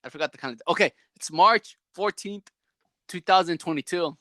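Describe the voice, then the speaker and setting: A young man hosts a podcast in a casual, rambling chat over a video call. His voice is bright and a touch high, and he keeps stringing thoughts together with "like". The sound is dry and close. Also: moderate pace, no echo. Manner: rambling, animated, many "like" fillers. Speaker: podcast host.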